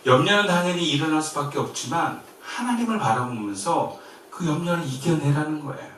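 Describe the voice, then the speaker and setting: A man from Korea preaching a sermon as pastor, in a lively way that swings from emphatic to soft and gentle. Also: fairly high pitch, fairly quick, a little hiss or hum. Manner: lively, shifts between loud and soft, quiet gentle quoted comfort. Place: church sanctuary. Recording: very echoey church from far off.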